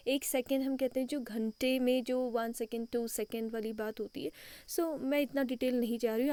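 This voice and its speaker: A woman teacher gives an English lesson, mixing Hindi with English and spelling words out letter by letter. Her voice sits a little high but sounds mellow and soft-edged. The sound is dry, with no room echo.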